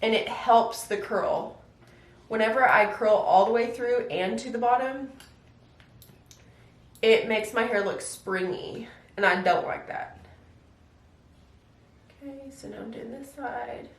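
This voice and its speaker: Speaking slowly with frequent pauses and a fairly high voice, this young mother, who stays at home, walks through her get-ready-with-me routine in a relaxed, chatty way. Her how-to is step by step and full of "like." The audio is echoey, with her voice somewhat distant.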